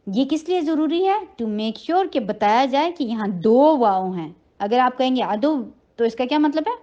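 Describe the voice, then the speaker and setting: Lady teaching tajweed, drawn out recitation, gentle and encouraging, kinda dull lo-fi audio. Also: high-pitched, lively intonation. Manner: slow drawn-out recitation between patient spoken instructions. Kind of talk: tajweed lesson, recitation with explanation.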